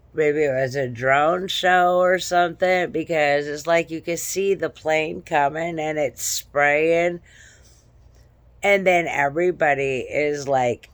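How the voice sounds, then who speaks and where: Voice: mid-range voice, dry recording. A vlogger casually retelling a dream in a rambling, repetitive way, often checking in with "okay?" and "right?".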